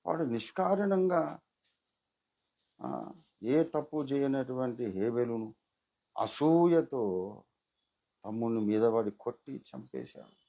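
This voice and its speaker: A middle-aged man preaches a sermon as pastor. His delivery is animated, leaping up in pitch when he gets worked up and sinking low and quiet at other moments. He acts out the voices of the story as he retells it. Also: takes it slowly, gravelly, pauses often.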